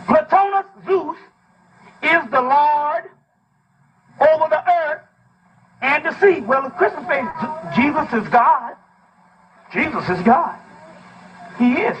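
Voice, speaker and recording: A man with a very high-pitched, slightly bright voice gives a fiery, informal lecture, reading from a text and breaking it down emphatically. He swears freely and fires off rhetorical questions like a preacher, and the audio is dull.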